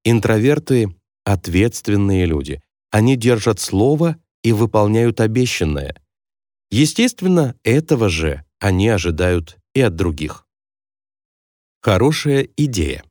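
A man's voice: on the low side, very animated, a little slow, a little mellow, no echo, clean studio sound. A man reading a business advice book aloud as scripted nonfiction narration, in an instructive, evenly paced manner. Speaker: audiobook narrator.

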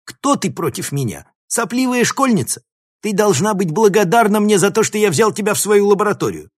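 A man's voice: mid-range voice, breathy edge, no room sound, clean studio sound, pitched above the performer's own voice. A man voicing an arrogant, scheming male professor who sneers and bullies in an audiobook reading. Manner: sneering, condescending, flaring into shouts. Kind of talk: audiobook character voice.

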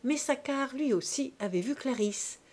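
A woman reading a classic novel aloud as an audiobook narrator, expressive and dramatic, dropping to softer passages. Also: high-pitched, moderate pace. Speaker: audiobook reader. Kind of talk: scripted narration.

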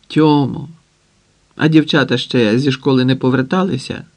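A man's voice: medium pitch, fairly even intonation, normal speed, darkish tone, lightly acted. A man voicing a stern, dry-witted mother of a big family, curt and sarcastic as she scolds.

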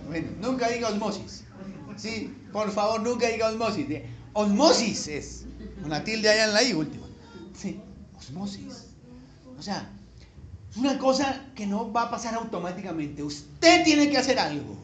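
High-voiced Colombian pastor in an echoey church. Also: male voice, expressive, moderate pace. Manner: folksy and joking, building to emphatic peaks. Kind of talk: conversational sermon. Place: church sanctuary.

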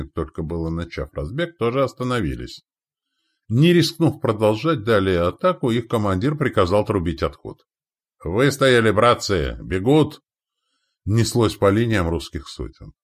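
A male audiobook narrator telling a war story with vivid drama. His voice is deep and swings widely in pitch. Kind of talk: scripted narration.

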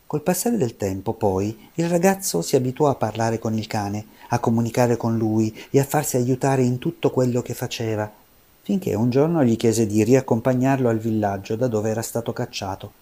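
A man reading a folk tale aloud as narrator, in a measured, expressive way. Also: mid-range voice. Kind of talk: storybook narration.

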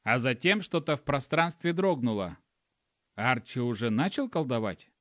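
A man narrating a first-person fantasy audiobook in an even, matter-of-fact way. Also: mid-range voice, moderate pace, dry recording, clean studio sound.

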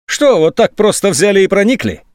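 A man reading a story aloud, voicing a scornful army general who mocks his subordinate in a high, sneering voice. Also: sing-song, fairly quick, no room sound, clean studio sound. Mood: sarcastic. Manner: mocking, sneering, sometimes shrill. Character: sarcastic, scornful male army general on phone.

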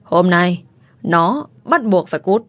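A woman's voice: lowish voice, expressive, slow, fairly bright tone, no room sound. A woman voicing a furious, spiteful middle-aged stepmother who screams insults, in a storybook reading. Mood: enraged.

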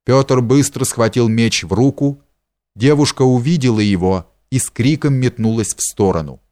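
A man reading a historical novel aloud as an audiobook, steady and measured. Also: medium pitch. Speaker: audiobook reader. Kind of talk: scripted narration of a historical novel.

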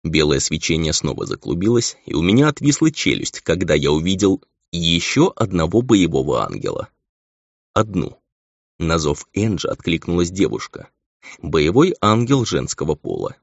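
Deep gravelly male audiobook narrator. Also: normal speed, no room sound. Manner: expressive reading. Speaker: audiobook reader. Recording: dull dry lo-fi audio.

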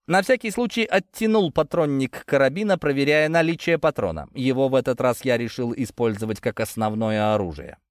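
A man's voice: medium pitch, expressive, a little fast, hardly any pauses, no room sound, clean studio sound. Male narrator reading a story. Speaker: audiobook narrator. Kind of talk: scripted first-person narration.

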